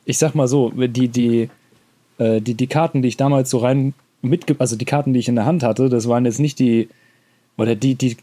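Mellow-voiced young man, rambling podcast chat. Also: medium pitch, fairly even intonation, brisk. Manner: rambling, many restarts and fillers, slangy. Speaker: podcast co-host.

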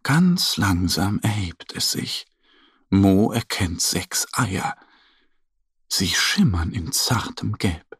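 Calm, husky male storyteller. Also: deep voice, takes it slowly, dry recording, clean studio sound. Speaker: narrator. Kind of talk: children's storybook reading.

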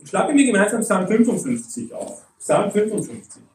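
A high-voiced man gives a sermon from some distance away from the mic, his voice ringing through a roomy hall. He talks conversationally and keeps checking in with his listeners. He slows down and gets deliberate when reading scripture. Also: very animated, darkish tone. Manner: conversational, often asks "nicht?" and "okay?"; reads Bible verses slowly and deliberately. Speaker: preacher.

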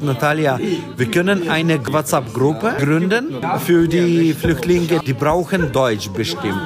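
Lively man, slow talk. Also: a little high. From Ukraine. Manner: lively, halting with fillers. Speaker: volunteer guide and interviewee. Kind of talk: interview.

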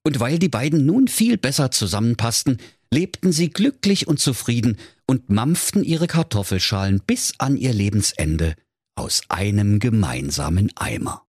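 A middle-aged Saxon storyteller reads a comic fairy tale with a husky, low voice. His delivery swings lively up and down as he turns to the children. The sound is dry and close. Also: normal speed, no echo. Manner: playful, addresses the children.

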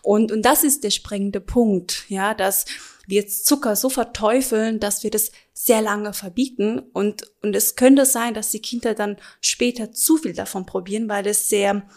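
A woman's voice: medium pitch, steady tone, moderate pace. A woman in her thirties who grew up in Germany, talking casually as a guest about feeding children, with many little "ja" fillers. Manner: warm, chatty, frequent "ja" fillers. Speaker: nutrition advisor, guest. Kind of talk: casual interview chat.

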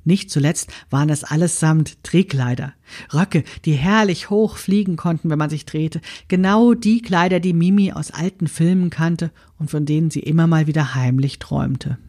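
Woman author reading her story: steady, measured narration with a lightly husky tone. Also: sits low.

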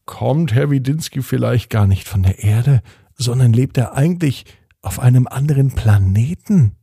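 A man hosting and narrating a bedtime story in a soothing, expressive way. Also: mid-range voice, moderate pace, vocal fry, husky, no room sound, studio quality.

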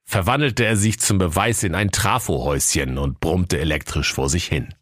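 Deep-voiced man reading a comic fairy tale. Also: moderate pace, fairly bright tone, no room sound, studio quality. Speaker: narrator.

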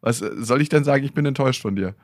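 A man's voice: medium pitch, rapid-fire, darkish tone, dry recording, clean studio sound. A man talking as a father in a casual podcast chat, reflective and questioning.

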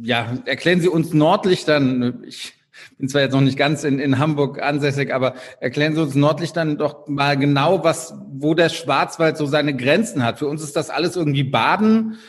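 Young guy co-hosting, rambly questions, husky voice, echoey room. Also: fairly high pitch, normal speed. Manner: asks loose, rambling questions with restarts. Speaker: podcast co-host. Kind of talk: casual podcast hosting.

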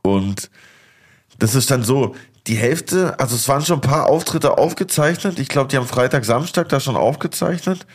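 Young male co-host, slangy and excitable, studio mic, easygoing chat. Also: mid-range voice, moderate pace, slightly rough. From Berlin. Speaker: podcast co-host. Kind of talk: casual podcast chat.

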